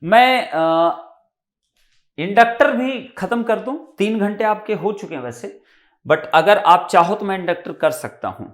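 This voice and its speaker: A man's voice: high voice, lively intonation, measured pace. An Indian-accented man teaching a live online class, with a voice that climbs and dips as he explains. He repeats his key points and keeps checking whether his students are following. The sound is roomy, with a noticeable echo. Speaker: online exam-prep teacher.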